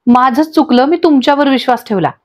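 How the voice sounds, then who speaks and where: A woman's voice: high-pitched, fast, highs cut off. A woman voicing a distraught young wife who pleads and accuses through tears in a storybook recap. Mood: tearful, angry. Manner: pleading, accusing, breaking into sobs.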